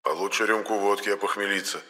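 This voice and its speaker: A man's voice: fairly low pitch, steady tone, fast, sharp tone, in a large hall. A man voicing a snide, nagging male household spirit who tattles and lectures. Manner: snide, preachy.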